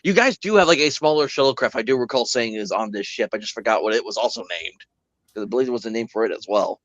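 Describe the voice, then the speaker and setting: A man's voice: medium pitch, fast, a bit bright, no echo, lo-fi sound. A man running a tabletop game on a live stream, talking casually and thinking aloud with hesitations. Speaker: game master.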